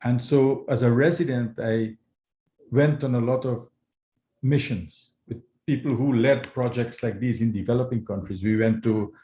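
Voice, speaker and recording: A man who grew up in Canada, a heart surgeon giving an earnest, halting talk as a guest over a video call. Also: mid-range voice, fairly even intonation, dark tone. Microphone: computer mic on a video call. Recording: echoey room, faint background noise.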